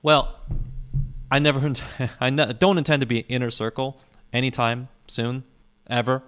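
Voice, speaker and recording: Medium-pitched, smooth and a bit bright, this man's voice keeps a fairly even intonation at a normal speed. He co-hosts a casual podcast chat as a native English speaker, opinionated and rambling, with frequent restarts and repetition.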